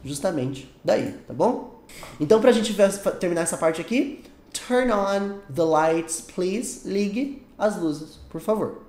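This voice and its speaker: A man with a Brazilian Portuguese accent giving an online English lesson, emphatic and repeating English examples slowly. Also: sits high, animated, darkish tone, echoey room. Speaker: English teacher.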